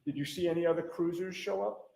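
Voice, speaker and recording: A man's voice: fairly high pitch, fast, gravelly, darkish tone. Man cross-examining in an echoey courtroom. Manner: pointed leading questions, repeatedly ending with "correct?". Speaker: defense attorney.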